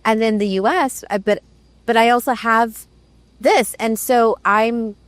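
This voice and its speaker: A woman's voice: a little high, steady tone, unhurried, smooth, no room sound. A woman host raised in the Middle East, musing thoughtfully in conversation with many "right"s and "like"s. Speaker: podcast host. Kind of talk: reflective conversation.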